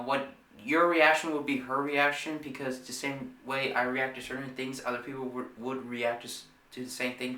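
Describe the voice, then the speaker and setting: A man's voice: mid-range voice, sharp tone, recorded from a distance. A man hosting a casual movie review vlog, talking eagerly and rambling with many fillers and restarts. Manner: eager, enthusiastic. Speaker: movie reviewer, channel host. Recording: roomy, away from the mic.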